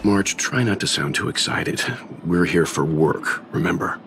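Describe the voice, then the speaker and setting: An actor playing a calm, serious older investigator in a video game, measured and steady. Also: male voice, low voice, background noise. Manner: measured and steady, gently correcting. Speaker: game character.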